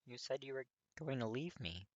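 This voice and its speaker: A man's voice: medium pitch, expressive, moderate pace, dry recording, lo-fi sound, voice pushed up, close to an everyday voice. A man reading aloud who voices a stubborn young man, curt and guarded, in a podfic. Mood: defensive. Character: defensive, stubborn young man hiding hurt.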